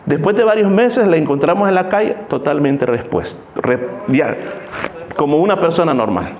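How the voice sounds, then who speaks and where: A man's voice: on the high side, expressive, moderate pace, darkish tone, roomy sound. A man from El Salvador, preaching a sermon as a pastor and telling stories in which he acts out the voices of the people in them. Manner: storytelling, acts out voices in anecdotes. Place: church hall.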